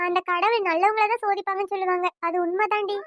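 Woman doing a squeaky-high village auntie, pleading and apologetic, dry close mic. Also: steady tone, fast, fairly bright tone, no room sound. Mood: earnest. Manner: pleading, apologetic, repeats 'akka'. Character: worried village woman, family friend. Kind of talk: cartoon voice acting.

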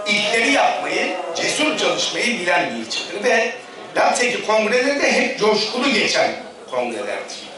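A man's voice: sits high, huge pitch swings, moderate pace, bright, forceful tone. A middle-aged man giving a formal political speech at a podium microphone, addressing a congress crowd in rhetorical, phrase-by-phrase delivery. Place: large echoey congress hall. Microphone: speaking at a podium microphone. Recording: echoey hall, distant mic, audible room noise.

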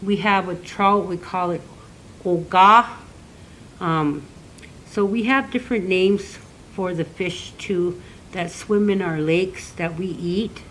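An older woman, an elder, slowly teaching children the names of animals and patiently repeating each word for learners. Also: lowish voice, a bit bright, slight background noise. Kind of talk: slow classroom teaching.

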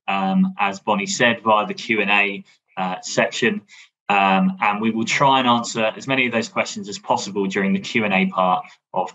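A man with a low but bright, forceful voice moderates an online panel over a video call. He introduces the speakers formally. His delivery is full of fillers. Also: dull audio. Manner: formal, with frequent fillers and restarts. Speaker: panel chair.

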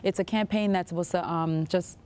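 Earnest young woman with a low voice. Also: steady tone, brisk, a little mellow, a little hiss or hum. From Nigeria. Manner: earnest, with fillers and restarts. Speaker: filmmaker and nurse. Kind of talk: studio interview. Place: TV studio. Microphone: lapel.

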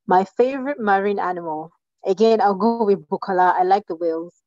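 A woman from Nigeria introducing herself in a quick, relaxed way on a video call. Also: mid-range voice, no echo. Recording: dry, slightly muffled video call audio.

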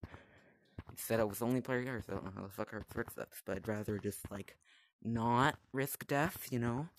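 A man's voice: medium pitch, moderate pace. A man giving casual, rambling commentary while playing a VR game, self-conscious and talking to himself through a headset mic. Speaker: gameplay vlogger.

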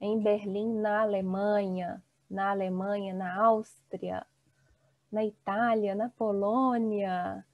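A woman in her thirties teaching an online Portuguese class, slowly and encouragingly reading out students' chat replies. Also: mid-range voice, level tone, dry recording. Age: 30s. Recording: dull, dry video-call audio.

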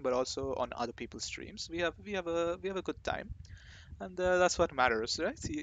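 A man's voice: a little high, a bit bright, slight background noise. A man hosting a gaming channel who talks in a casual, rambling way, with lots of fillers and restarts. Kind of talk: casual rambling talk to camera.

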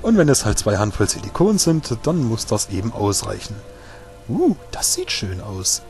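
A man's voice: fairly low pitch, sing-song, normal speed, darkish tone, faint music behind. A young man giving casual, sarcastic commentary while playing a video game, grumbling at his companion. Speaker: let's player.

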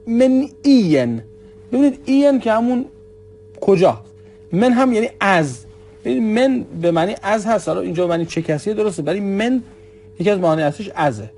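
A man teaching a language lesson, saying each example word slowly and repeating it with its meaning. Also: high voice, mellow. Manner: stretches out example words, then repeats them with the meaning. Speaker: Arabic dialect teacher.

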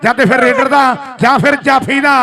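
Very high, piercing male kabaddi announcer. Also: fairly even intonation, a little fast, bright, forceful tone. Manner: emphatic, repeats phrases. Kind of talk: live rural sports commentary. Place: outdoor village kabaddi ground.

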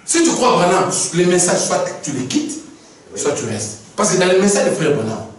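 A male preacher delivers an animated sermon, his high voice rising and falling as he acts out exchanges between people. He is heard from a distance in a very echoey hall. A faint hum sits under the recording. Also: normal speed. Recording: echoey room from far off, faint noise.

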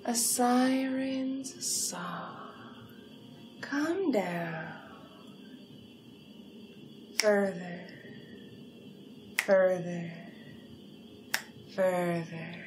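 Menacing yet seductive, a woman voices a hungry vampire villainess, hypnotic and poised, in an in-character ASMR hypnosis roleplay. Her fairly low voice is very slow, breathy and deliberate, often dropping into whispers, against a noisy background.

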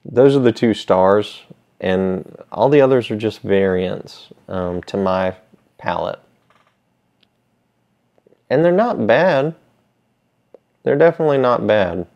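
A middle-aged pipe tobacco seller chats casually to the camera with a pipe held in his mouth, sounding laid-back, hesitant and rambling. His voice sits on the low side, animated but slow, with vocal fry, frequent pauses and a darkish tone. He's in a small indoor room with shelves, and the recording sounds slightly dull and lo-fi.

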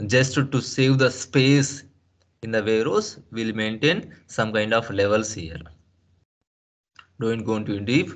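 A man teaching a software lesson over a screen share, explaining step by step with rhetorical questions, fillers and restarts. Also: lowish voice. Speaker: SAP trainer. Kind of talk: screen-share tutorial lecture.

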